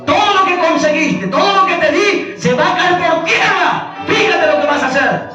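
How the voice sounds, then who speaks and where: A man voicing the Holy Spirit giving a slow, solemn warning. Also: extremely high pitch, animated, lo-fi sound, voice pushed up. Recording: echoey church hall from far, music behind.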